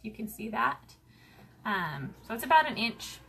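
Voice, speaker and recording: A woman hosting a casual sewing tutorial at home, talking fast and chatty with lots of fillers. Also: a little high, big pitch swings, a bit bright, poor audio. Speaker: craft show host demonstrating sewing. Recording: clear background noise with clicks.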